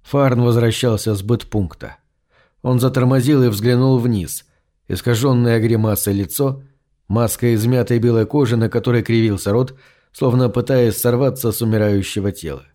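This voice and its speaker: A man reads an audiobook story at a steady, measured pace. His voice sits mid pitch for a man. The telling is calm and even. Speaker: narrator. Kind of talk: audiobook narration.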